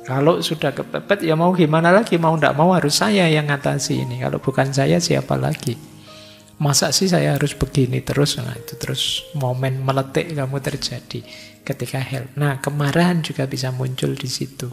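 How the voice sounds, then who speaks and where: A man's voice: medium pitch, steady tone, normal speed, gravelly, soft background music. A middle-aged man giving a conversational philosophy lecture in a mosque hall, acting out the voices of students he quotes.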